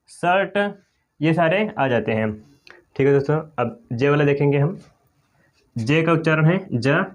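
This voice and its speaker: A man teaches English letter sounds, speaking in a somewhat high voice. He moves slowly and repeats each example, checking with listeners as he goes. His delivery is patient and classroom-like. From India. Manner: slow, repetitive, often says "okay" and "clear". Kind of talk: classroom pronunciation lesson.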